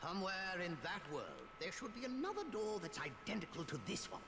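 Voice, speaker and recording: An actor playing a solemn, hesitant elderly wizard mentor who gives warnings in a video game. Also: male voice, sits high, very animated, a little fast, fairly bright tone, in a large hall, heavily acted. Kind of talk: animated video game acting.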